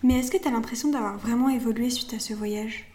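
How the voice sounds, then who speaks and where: A woman's voice: on the high side, steady tone, brisk, dark tone. A woman hosting a casual interview, asking easygoing questions and affirming often. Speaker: podcast host.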